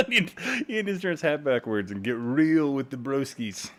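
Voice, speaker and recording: Excitable man streaming a game, lively pitch. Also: a little slow. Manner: excitable, laughs often, reacts loudly to plays. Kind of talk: casual gaming live stream chat.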